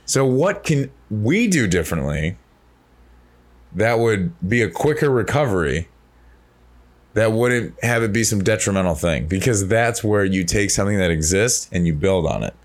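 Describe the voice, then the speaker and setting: A man's voice: fairly low pitch, sing-song, moderate pace. A man hosting a podcast, talking in a rambling, reflective way with many restarts. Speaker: podcast host. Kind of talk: casual chat.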